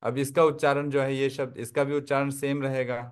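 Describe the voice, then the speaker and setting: A man's voice: mid-range voice, flat delivery, brisk, clean tone. A man teaching a Tibetan script class online, explaining step by step and often checking that his listeners follow. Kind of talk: online language lesson.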